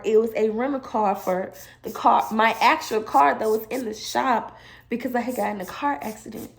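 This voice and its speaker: A young adult woman telling a casual storytime to her viewers, animated and emotional, swearing and calling them y'all. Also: fairly high pitch, vocal fry, a little hiss or hum. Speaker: beauty vlogger telling a storytime.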